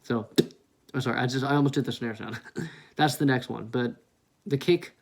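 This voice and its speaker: A man's voice: medium pitch, steady tone, moderate pace, gravelly. A man on a headset mic giving a casual beatboxing tutorial, explaining step by step and demonstrating the sounds. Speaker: beatbox teacher.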